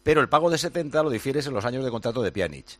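A man from explaining club finances on a sports radio panel in a steady, explanatory way. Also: mid-range voice, racing, no echo. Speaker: radio commentator.

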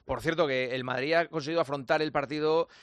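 A man hosts a sports radio show in a chatty, joking way. His voice sits a little high and moves quickly. The sound is dry and close. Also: fairly even intonation, clear, resonant tone, no echo. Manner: chatty, joking, hesitant fillers. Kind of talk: casual sports radio talk.

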